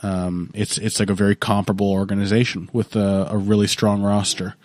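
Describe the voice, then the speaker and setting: A man's voice: on the low side, level tone, brisk, darkish tone, dry recording. A young man with a sick, congested voice, co-hosting a casual podcast, rambling and swearing often. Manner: rambling, profane, laughs often. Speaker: podcast co-host.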